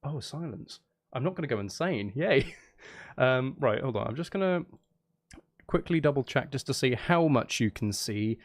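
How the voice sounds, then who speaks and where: Working on stream, this music and game maker talks animatedly to his audience at a normal speed in a medium-pitched voice. The chat is casual and playful, meandering as he interrupts himself and says things twice.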